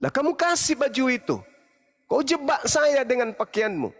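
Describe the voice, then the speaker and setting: A man's voice: very high voice, animated, moderate pace, fairly bright tone, faint music behind. A man, an Islamic preacher delivering a heated, mocking monologue of repeated rebukes. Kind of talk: angry scolding monologue. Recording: long hall reverb.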